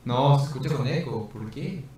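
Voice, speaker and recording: A man streams a game, chatting playfully and casually at a normal speed with a warm tone, and thanks his viewers by name. His voice sits back from the mic inside a heavy, booming, canyon-like echo, with faint music and a little hiss or hum.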